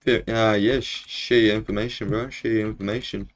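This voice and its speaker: This young adult Kiwi, speaking with a broad New Zealand accent, keeps up relaxed, slang-heavy chatter during a game stream in a small indoor room at home. He has a lowish voice, fairly even intonation and a slightly fast pace.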